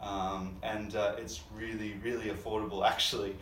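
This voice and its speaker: A man's voice: fairly low pitch, moderate pace, slight background noise. Chatty young man in an echoey room. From Australia. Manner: relaxed, chatty, many fillers. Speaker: host. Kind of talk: casual panel chat. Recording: echoey room, mic at a distance.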